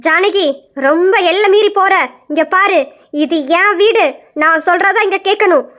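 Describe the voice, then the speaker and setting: A woman's voice: very high-pitched, unhurried, fairly bright tone, voice pushed up. A woman voicing a domineering old grandmother who rules a wealthy household and schemes against her family. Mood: commanding. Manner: commanding, scheming.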